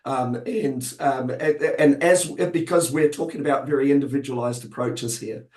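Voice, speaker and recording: A man's voice: medium pitch, normal speed, a little mellow, roomy sound. A man presenting in a webinar, explaining a support program with many fillers and restarts, losing his voice. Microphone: online video call.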